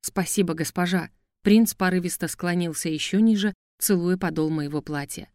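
A woman narrating a novel in the first person with a steady reading voice. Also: on the low side, moderate pace, clean tone, no room sound, studio quality. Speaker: audiobook narrator.

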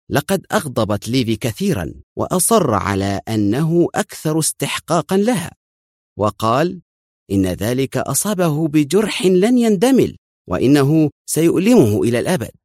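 A man's voice: low-pitched, lively intonation, normal speed, darkish tone, slightly rough, dry recording, clean studio sound. A man doing a sly, suspicious intelligence general. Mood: insistent tense. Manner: probing, sly, stern.

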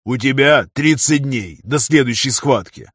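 A man voicing a stern, weary male owner of gladiators in an audiobook, speaking slowly and loudly with a husky voice. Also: medium pitch, dry recording, studio quality. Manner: slow, stern, loud and commanding. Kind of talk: audiobook character voice.

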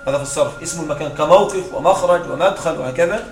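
A man teaches Arabic grammar to a class, illustrating rules with examples and checking that students keep up. His voice is on the high side, rapid-fire and fried, with soft music in the background. The room is echoey with faint noise.

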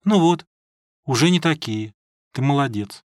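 A man doing a soft, sad young woman. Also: extremely low pitch, expressive, unhurried, no room sound, clean studio sound. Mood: tender. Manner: soft, tender, consoling.

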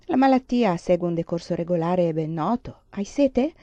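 Woman reader voicing a detached doctor, flat and practical; dry close sound. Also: on the low side, moderate pace, no echo, highs cut off, lightly acted. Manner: matter-of-fact. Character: calm detached male doctor.

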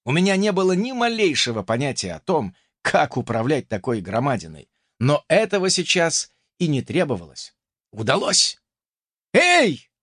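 A man reading a fantasy audiobook in the first person with expressive storytelling. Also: fairly high pitch, normal speed, no echo, clean studio sound. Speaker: audiobook narrator.

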